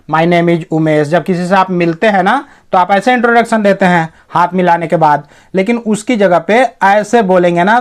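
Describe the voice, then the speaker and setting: A man teaching English reading as a Hindi-medium teacher, explaining word by word and reading the English lines slowly and carefully. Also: high voice.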